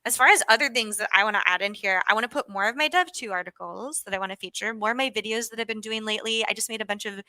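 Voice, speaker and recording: A woman's voice: medium pitch, racing, few pauses, bright, forceful tone, dry recording. A woman hosting a casual livestream, bubbly and exclamatory, chatting with a guest and reading the chat. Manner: bubbly and exclamatory, frequent "ooh" and laughs. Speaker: livestream host.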